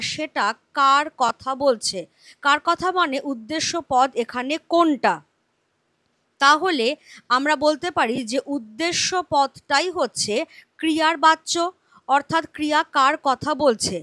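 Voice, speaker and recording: A woman's voice: high-pitched, a bit bright, no echo. A woman teaching a grammar lesson, explaining patiently and asking and answering her own questions.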